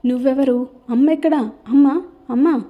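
A woman voicing an angry middle-aged mother who shouts and demands answers in a storybook reading. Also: high-pitched, steady tone, moderate pace, narrow, tinny audio.

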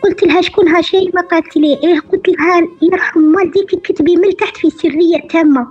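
A middle-aged woman with an Algerian accent, calling in over the phone and telling her story haltingly, with many hesitant fillers. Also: extremely high pitch, fairly even intonation, a little mellow, faint music behind. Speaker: caller. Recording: dull phone line.

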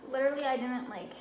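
A young woman in her twenties talking casually at her kitchen table in a haul vlog, rambling and poking fun at herself. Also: high-pitched. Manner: chatty, rambling, self-deprecating. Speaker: vlogger. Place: home kitchen table, indoors. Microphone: camera on table. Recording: roomy kitchen with background noise.

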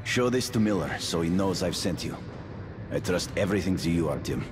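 A man's voice: sits low, expressive, fairly quick, over music. An actor playing a tough, grizzled male hunter who gives terse, commanding orders in a video game.

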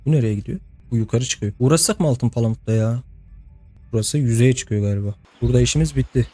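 A man's voice: medium pitch, quick pace, mellow, soft background music. Chatty young man narrating gameplay. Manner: chatty, talks to game characters, laughs often. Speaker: gameplay host. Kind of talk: casual let's-play commentary.

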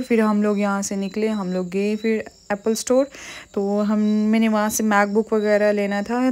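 A woman's voice: medium pitch, mellow. A young woman from Jammu narrating a casual shopping vlog in a chatty, listing way. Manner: chatty, listing things with lots of "vagairah" and "to guys". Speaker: vlogger.

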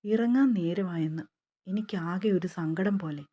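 A woman's voice: fairly low pitch, unhurried, warm tone, lo-fi sound. A woman voicing a timid young bride, pleading. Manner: pleading, fearful.

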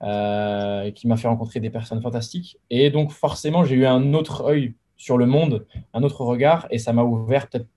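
A man's voice: medium pitch, normal speed, few pauses, warm tone. A man in his twenties from the Paris region, a guest entrepreneur chatting casually on a video call with many fillers and restarts. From Paris region, France. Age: 20s. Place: bedroom with framed pictures, indoors. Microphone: video call webcam.

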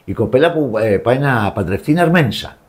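A man co-hosting a showbiz gossip show, talking casually and mocking the celebrities he discusses with scorn. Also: medium pitch. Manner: scornful, mocking, animated opinions.

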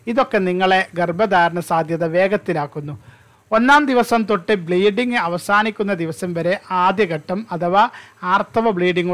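A man presenting a scripted health lesson, reading steadily and ticking through long lists in a measured way. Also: high voice, a bit bright.

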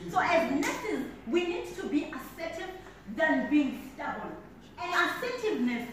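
A South African woman in her twenties, her voice sitting high, delivers a motivational keynote to a conference room with emphatic, preacherly repetition, walking the floor and gesturing. She's in a large indoor conference hall using a handheld mic, captured by a distant camera, so the audio is echoey, far off, and noisy.

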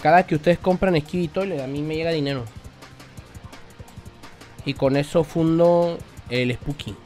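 A Mexican man streaming live, ranting loudly and swearing in exaggerated complaint. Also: fairly high pitch, steady tone, moderate pace, soft background music.

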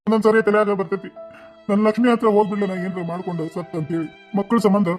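A man's voice: sits high, steady tone, fast, soft background music, lightly acted. A man voicing a kind, protective widowed village landlord in a cartoon, speaking in an earnest, reassuring way with a North Karnataka Kannada accent.

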